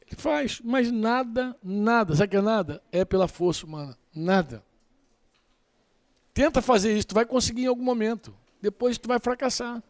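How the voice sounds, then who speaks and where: Man, sermon, high voice, dry sound, colloquial and lively. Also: moderate pace, no room sound. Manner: lively, colloquial preaching, acting out quoted dialogue. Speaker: preacher.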